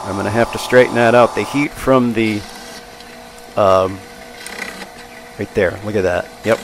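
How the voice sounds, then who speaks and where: An unhurried man in his sixties with a lowish, fairly even voice narrates hands-on shop work, folksy and plainspoken. He hosts a channel as a machinist, and the indoor shop setting carries clear sounds of machinery and power tools.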